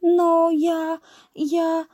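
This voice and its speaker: A woman's voice: very high voice, drawn-out words, pitched above the performer's own voice, heavily acted. A woman voicing a timid little female kitten in a children's story. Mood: shy. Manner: timid, then excited and eager.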